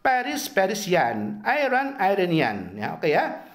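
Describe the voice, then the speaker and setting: A middle-aged man lecturing university students on English grammar, repeating each example slowly and drilling them one by one. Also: high-pitched, huge pitch swings, fairly bright tone.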